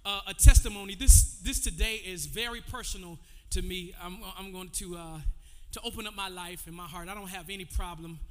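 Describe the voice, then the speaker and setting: A man's voice: sits high, fairly quick, hardly any pauses, faint music behind. A man in his forties preaching a sermon, loose and conversational, calling out to the congregation between testimony. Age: 40s. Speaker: pastor. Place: church sanctuary. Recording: long hall reverb.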